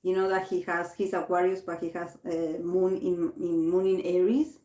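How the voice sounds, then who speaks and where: Here the tarot reader's voice is lowish, level and warm, at a moderate pace. A native Spanish speaker from Argentina, she hosts her livestream in chatty English, reading viewers' comments and often starting over, with a roomy echo around her.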